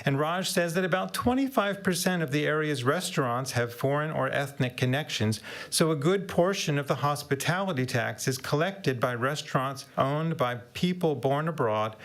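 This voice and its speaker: An older man reading a prepared statement, steady and measured, as a public commenter at a county hearing. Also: on the high side.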